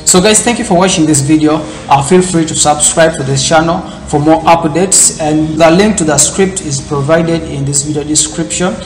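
Speaking at a moderate pace with few pauses, a man with a high-ish voice sounds reverberant. He hosts a screen-recorded tech tutorial from an indoor room, shown in a corner webcam, talking through the steps loosely and repetitively with many fillers.

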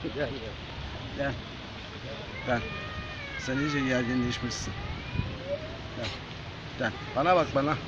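A man's voice: medium pitch, fairly even intonation, slow, pauses often. A man talking to stray cats in a casual vlog, calling and coaxing them over and over in short repeated phrases. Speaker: vlogger. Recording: dull lo-fi audio with clear street noise.

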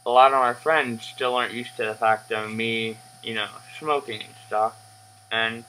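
A young man giving a casual, rambling review in a halting way that trails off, recorded on a webcam in a living room. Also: medium pitch, fairly even intonation, bright, forceful tone. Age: young adult. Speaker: pipe tobacco reviewer. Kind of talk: casual unscripted review chat. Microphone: webcam at desk distance. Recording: humming, noisy webcam audio.

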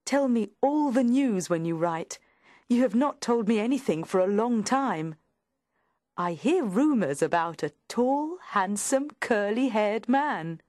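A woman voicing an affectionate young woman who reads out a letter to her friend in a measured way. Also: on the high side, lively intonation, darkish tone, no room sound, clean studio sound.

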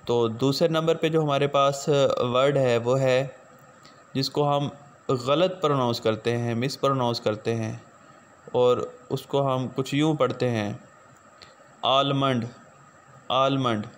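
A man giving a slow pronunciation lesson, repeating each word twice. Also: medium pitch, steady tone, slight background noise. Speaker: teacher.

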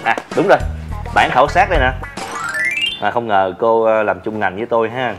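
An actor playing a good-natured, henpecked engineer who talks easily with drawn-out fillers. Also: male voice, mid-range voice, lively intonation, music in the background, close to an everyday voice. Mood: easygoing. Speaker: civil engineer character.

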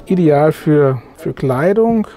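A middle-aged sales manager takes an interviewer on a tour of a camper van at a trade fair, recorded close inside, his sales pitch thick with "ähm." He speaks slowly in a mellow but animated voice.

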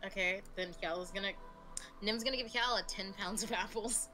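A woman playing in a tabletop game, matter-of-fact and teasing, quick to laugh. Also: mid-range voice, sharp tone, a little hiss or hum. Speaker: player. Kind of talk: casual tabletop game chat.

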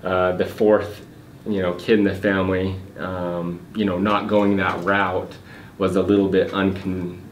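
A real estate investor with a very low, level-toned voice answers interview questions slowly and hesitantly, with lots of fillers and restarts. He sits in an echoey office meeting room, recorded from across the table over a faint hum of noise.

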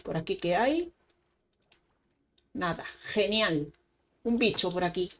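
A young woman talks her way through a Minecraft session at an unhurried pace. She chats to herself with frequent exclamations. Faint keyboard typing and mouse clicks sit behind her voice. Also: on the low side, expressive, a little hiss or hum. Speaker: gaming YouTuber. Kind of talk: casual Minecraft gameplay commentary.

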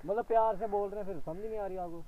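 A man's voice: sits high, fairly even intonation, rapid-fire. A man scolding and complaining in a roadside argument. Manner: reproachful, scolding. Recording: tinny phone-like sound.

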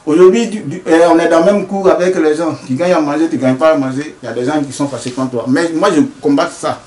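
A man's voice: on the high side, fast talker, reverberant, a crowd in the background. A man, a traditional healer answering interview questions earnestly, often restarting his sentences. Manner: explains earnestly with many restarts.

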